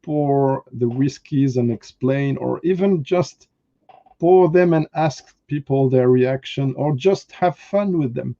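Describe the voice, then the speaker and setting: Male live-stream host, very mellow dark tone, halting casual delivery, muffled lo-fi sound. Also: medium pitch. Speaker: host, interviewer. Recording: dull, lo-fi online call audio.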